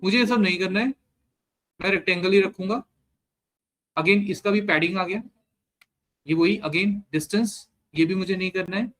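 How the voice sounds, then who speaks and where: A man giving a step-by-step screen-share software lesson, mixing Hindi with English terms and often checking in with the learner. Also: high-pitched, normal speed, long pauses. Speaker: software trainer.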